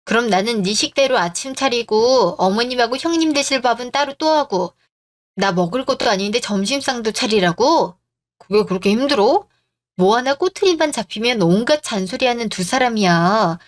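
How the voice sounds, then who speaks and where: A woman voicing a fed-up young wife in a radio drama, speaking in sharp, clipped retorts. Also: fairly high pitch, animated, moderate pace, natural voice. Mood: indignant.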